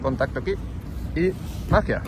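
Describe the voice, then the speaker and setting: A motorcycle workshop builder and channel host from Spain speaks with a Spanish accent in a highish, expressive voice at normal speed. He gives a casual, hands-on walkthrough with chatty asides, recorded on his handheld phone in a paved outdoor car park with clear street and vehicle noise.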